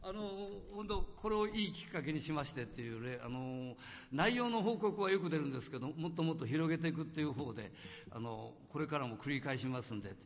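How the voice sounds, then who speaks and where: A man's voice: fairly high pitch, animated, a little fast. An older man from Hokkaido hosting a talk show, chatting and telling anecdotes with frequent laughter. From Hokkaido, Japan. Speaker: host. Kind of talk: casual chat and storytelling. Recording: echoey hall with faint guitar music.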